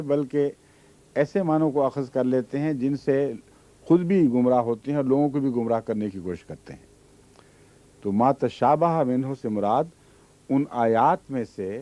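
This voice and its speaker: Man teaching scripture; warm, low-key delivery, dull archival sound. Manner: explanatory, quotes Arabic verses then translates. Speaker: Quran teacher. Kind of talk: religious commentary lesson.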